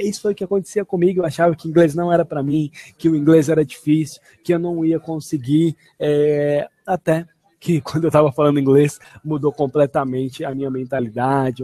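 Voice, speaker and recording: A Portuguese-speaking man teaching an online lesson, upbeat, repeating English phrases slowly and expressively. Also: fairly high pitch, mellow, no room sound.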